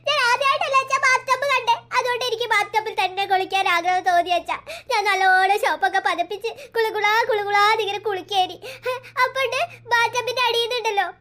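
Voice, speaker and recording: Scared little cartoon girl, whiny, bright and squeaky, played by a voice actor. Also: fast. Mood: tearful. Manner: whiny, tearful storytelling. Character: frightened little cartoon girl, tearful and stubborn. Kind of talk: cartoon voice acting.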